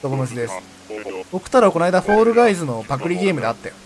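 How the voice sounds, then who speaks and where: A young male streamer chats casually while he plays, laughing often and bursting out loudly when something surprises him. His pitch swings widely from line to line. Game music plays clearly behind his voice. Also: sing-song, rapid-fire. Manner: chatty, laughs often, sudden loud outbursts. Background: background game music.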